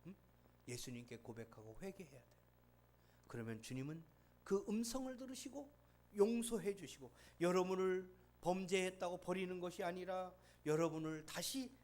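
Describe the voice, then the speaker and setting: A man pastor preaching a sermon in animated storytelling, swinging from loud exhortation to hushed asides. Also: high-pitched, slight background noise.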